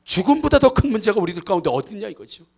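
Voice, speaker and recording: A man with a very high voice preaches from the pulpit of a church. His delivery is animated and playful, and he drops into other voices to act out characters. He keeps calling on the congregation to respond. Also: racing, breathy edge. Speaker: pastor. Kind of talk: lively Easter sermon with acted asides. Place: church sanctuary.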